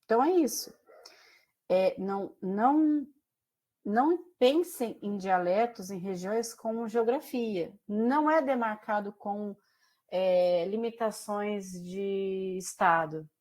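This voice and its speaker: Speaking slowly in a medium-pitched, slightly mellow voice, a woman teacher lectures her class in a chatty way, full of fillers and questions to the students. She comes from Mato Grosso do Sul, and her Brazilian Portuguese carries a São Paulo caipira influence.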